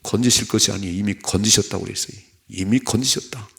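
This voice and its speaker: A man's voice: on the low side, fast, gravelly, a bit bright. A man, a pastor, preaching an earnest sermon at a dawn prayer service in a church. He repeats key phrases and asks the congregation to respond.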